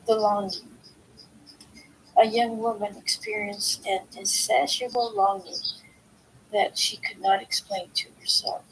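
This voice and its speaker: Reading a self-help philosophy book aloud as a video host, a woman goes informally and haltingly, stumbling on words and correcting herself. Her middling voice is creaky, a bit bright, and flat in delivery. The rough recording carries faint noise and a low rumble.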